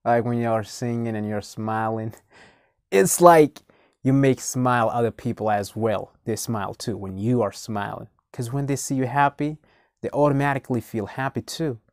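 A young man hosting a reaction video, talking casually and excitedly to his viewers and exclaiming often. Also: mid-range voice, moderate pace, dry recording, studio quality. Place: small indoor room.

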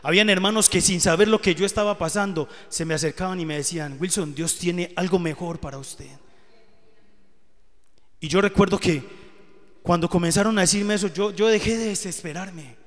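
A man's voice: high-pitched, a little fast, fairly bright tone. A man preaching a sermon, telling his own story with earnest testimony that rises to emotional emphasis. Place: church hall. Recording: live church hall with long reverb.

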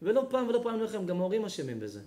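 A man who is a rabbi giving an impassioned public sermon, repeating his phrases for effect and swinging between loud and soft. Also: high-pitched, big pitch swings.

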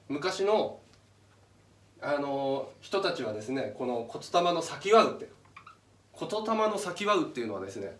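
A man with a slightly high, somewhat bright voice hosts his channel, casually explaining something step by step and pointing out features on a chart. Captured in an echoey room, the mic sits far from him.

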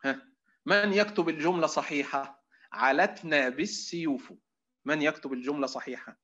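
A man's voice: fairly high pitch, normal speed, a bit bright, muffled recording. A middle-aged man with an Egyptian Arabic accent giving an online lecture to students. He quizzes them, asking fill-in questions and then answering them himself.

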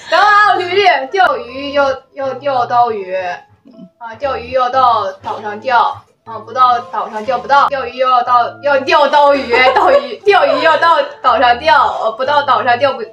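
A young woman with a high voice recites tongue twisters in a casual way. She sounds set back from the mic in an echoey room, with music playing. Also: unhurried, fairly bright tone, recorded from a distance. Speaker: challenge contestant. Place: living room at home.

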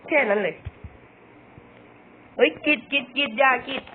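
A man's voice: very high voice, a little slow. A young man giving casual, chatty commentary on a video game, joking about himself and often repeating words. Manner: chatty, self-mocking, stumbles and repeats words. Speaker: gamer. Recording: tinny phone-like audio with faint noise.

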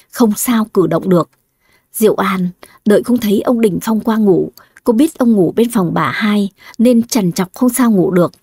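Audiobook narrator, woman, breathy husky tone, very dry close sound, steady delivery. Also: medium pitch, no echo. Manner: steady, measured storytelling. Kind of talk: scripted story narration.

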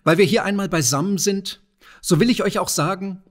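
A man doing a loud boastful farmer. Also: high voice, a little fast, voice pushed up. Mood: blustering. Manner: blustering, mocking. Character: fat proud wealthy old farmer, boastful.

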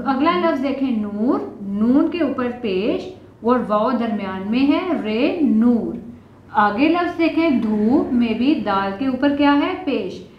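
A woman teacher with a Pakistani Urdu accent, slowly spelling words aloud for children, in an echoey room on dull lo-fi audio. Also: fairly high pitch. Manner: slow, drawn-out word-by-word spelling. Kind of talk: children's reading lesson.

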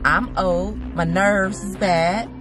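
A woman's voice: mid-range voice, fairly even intonation, slow. A middle-aged American woman, a mother scolding in exasperation during a casual argument in a car. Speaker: passenger, mother. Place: inside a moving car. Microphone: dashboard camera. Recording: car interior with music behind.

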